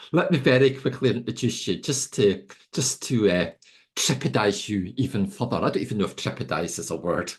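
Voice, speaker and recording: Deep, husky man in his middle years hosting a laid-back, joking podcast chat. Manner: chatty, jokey, self-mocking. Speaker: podcast host. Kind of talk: casual interview.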